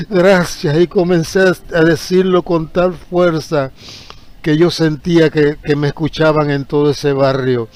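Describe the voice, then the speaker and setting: A man's voice: fairly high pitch, darkish tone. A man giving an earnest, emotional personal testimony of faith, retelling the prayers he said.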